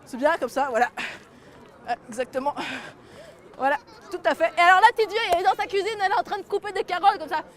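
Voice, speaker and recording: A woman's voice: very high voice, fast talker. A woman storyteller telling a folk tale to children and getting them to join in. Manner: lively, gets the audience to join in.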